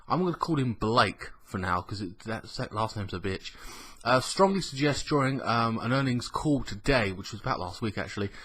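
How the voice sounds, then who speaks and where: A man with a slightly croaky, under-the-weather voice, hosting a casual gaming news vlog in a rambling, colloquial, sweary way. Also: mid-range voice, lively intonation, moderate pace, fairly bright tone. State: ill with a cough. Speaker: gaming news show host.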